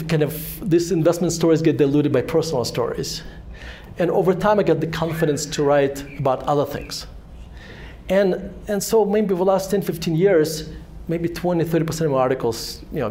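A slightly high but dark-toned male voice at an ordinary pace comes from a Russian-accented author in his forties. As guest at a synagogue hall fireside chat, he holds a handheld microphone and tells loose, self-deprecating stories riddled with restarts.

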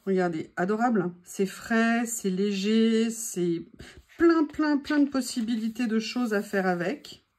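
Chatty woman with a high voice. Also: a little slow, darkish tone. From France. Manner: enthusiastic, many fillers and hesitations. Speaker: crafting vlogger. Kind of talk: casual product haul chat.

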